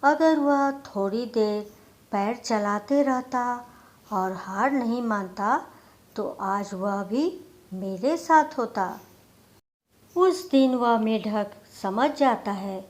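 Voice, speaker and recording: Narrating a scripted moral tale, a woman speaks in a slightly high voice. She delivers each line slowly, the way a storyteller would.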